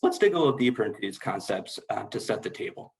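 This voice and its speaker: A man's voice: lowish voice, big pitch swings, fast, gravelly. A man presenting a corporate training webinar, explaining slides in a formal, methodical manner.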